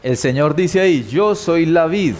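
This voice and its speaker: A middle-aged man with a Colombian Spanish accent leads a church Bible class. He talks at a slow, unhurried pace, reading verses aloud and turning to the room with questions. He repeats the key words so the class can follow. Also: a little high, expressive, a little mellow. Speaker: Bible teacher.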